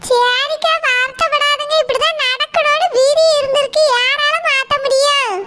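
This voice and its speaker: A performer voicing a calm younger woman, soothing and reassuring an older relative in a measured way. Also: very high voice. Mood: consoling. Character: calm consoling younger sister-in-law. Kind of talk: cartoon voice acting.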